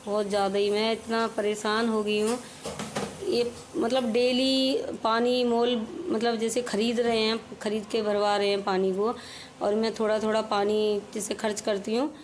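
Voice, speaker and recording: A woman's voice: a little high, level tone, moderate pace. A middle-aged woman talks in a chatty, homely way, narrating her daily chores as a voice-over. Her throat is a little sore, and a faint hiss sits behind her voice. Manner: chatty, homely, explains while working. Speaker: home vlogger. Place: home.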